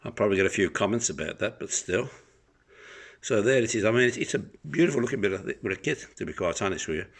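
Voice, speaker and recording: A man with a fairly low, slightly rough voice talks fast and expressively as he casually demonstrates something he's selling, rambling and hesitating without a script. He is a private seller holding his phone behind the camera in the living room of his apartment.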